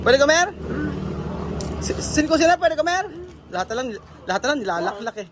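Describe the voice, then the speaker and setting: A Filipino man hosting a casual food vlog, chatty and quick to laugh, asking lots of questions. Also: very high voice, very animated. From Philippines. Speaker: vlogger host. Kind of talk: casual chat while eating. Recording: crowd noise behind.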